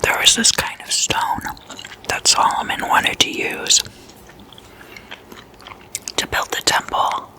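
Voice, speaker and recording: This is an ASMR host's relaxed, breathy whisper, unhurried and often pausing. Words are lingered over gently, with the intimate feel of storytelling between friends.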